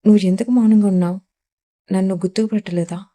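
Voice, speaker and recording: A woman's voice: mid-range voice, steady tone, fast talker, warm tone, lightly acted. A woman doing a hurt, earnest young man. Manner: pleading, hurt.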